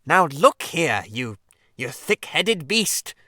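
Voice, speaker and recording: Loud impatient rat, a man voicing him, pushy and emphatic, voice jumps around. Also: high-pitched, very animated, slow pace, no room sound, clean studio sound, voice pushed up, heavily acted. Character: impatient, excitable male water rat.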